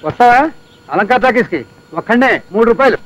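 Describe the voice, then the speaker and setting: An actor playing a cheeky, bargaining rickshaw puller in a film comedy scene. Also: male voice, extremely high pitch, lively intonation, fairly quick, muffled recording.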